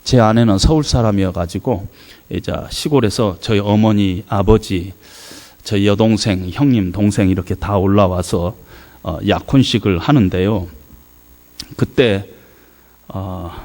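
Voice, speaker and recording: A middle-aged guest pastor from the Yeosu area of South Korea preaches a revival sermon in a church sanctuary. He tells a family story full of hesitant fillers, swinging suddenly from hushed to loud, in a fairly low voice.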